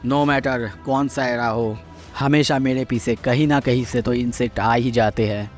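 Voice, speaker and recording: A man voicing a menacing, scornful ancient male curse in an anime recap, delivering his lines slowly and drawn out. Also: medium pitch, steady tone, soft background music, close to an everyday voice.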